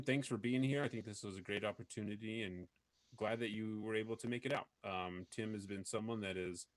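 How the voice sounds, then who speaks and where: A man's voice: lowish voice, no echo. A man hosting a podcast, talking earnestly and rambling with many fillers in casual chat. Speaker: podcast host.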